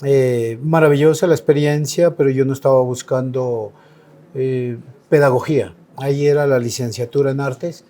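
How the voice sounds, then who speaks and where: A man's voice: mid-range voice, mellow. A man in his sixties from Colombia, a painter giving an interview, speaking reflectively with frequent hesitations. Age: 60s. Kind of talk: relaxed conversational interview.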